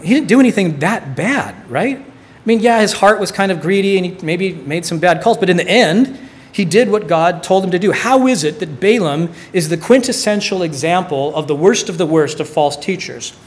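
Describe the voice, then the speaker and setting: A man preaching a sermon, retelling a Bible story with quick, playful voiced asides for its characters. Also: high voice.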